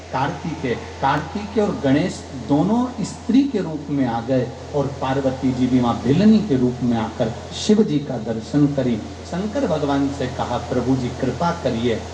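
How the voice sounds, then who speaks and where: This is a male kathavachak preacher offering a devotional katha sermon with anecdotes. He plays storyteller, performing the dialogue and pushing his pitch up for emphasis. The audio sounds roomy and the background is noisy.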